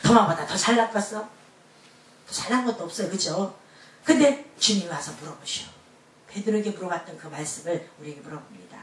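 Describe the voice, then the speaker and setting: A woman pastor preaching a Sunday sermon, animated, dropping to a soft hush at times. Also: fairly low pitch, fairly quick, slight background noise. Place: church sanctuary. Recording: echoey church hall, mic far off.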